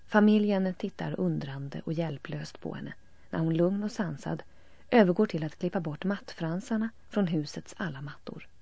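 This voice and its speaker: A woman narrating a story calmly, often trailing into soft whispers at the ends of lines. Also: fairly low pitch, gravelly, slightly rough, no room sound. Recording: dull lo-fi recording.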